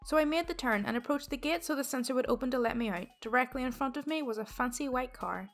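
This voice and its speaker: A woman hosting a storytime channel, reading online posts aloud in a steady, even delivery. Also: high voice, fast talker, faint music behind.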